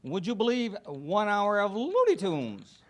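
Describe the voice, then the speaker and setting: A woman's voice: mid-range voice, huge pitch swings, a little slow. A woman voicing a bumbling, overconfident male spy chief, boasting earnestly in a parody news interview. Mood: boastful.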